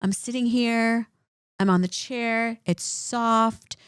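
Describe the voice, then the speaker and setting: A woman's voice: fairly high pitch, slow pace, smooth, dry recording, studio quality. A woman clinician co-hosting a podcast, explaining points in a conversational way and often checking in with "right?". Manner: animated, repeats points with "right?".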